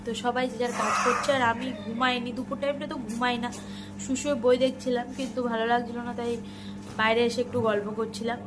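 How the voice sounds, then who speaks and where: Woman, friendly home-vlog narrator, fairly high voice, music bed behind. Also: level tone, quick pace. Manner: chatty, addresses viewers as friends; speaking softly so a sleeping child stays asleep. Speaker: vlogger. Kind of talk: casual family vlog chat. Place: family home in the evening, kitchen then bedroom.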